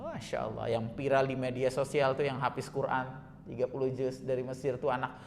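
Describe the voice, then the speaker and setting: A man's voice: medium pitch, flat delivery, brisk, vocal fry, a little mellow, big-room sound, slight background noise. A man giving a religious lecture, telling vivid stories and constantly addressing his listeners as sir. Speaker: religious teacher.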